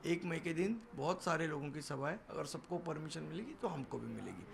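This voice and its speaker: A high-pitched man, a political party leader and spokesman, answers television news interview questions in an assertive, defiant way, repeating points for emphasis. His voice is expressive, fairly quick and creaky. The location sound is noisy, with background ambience.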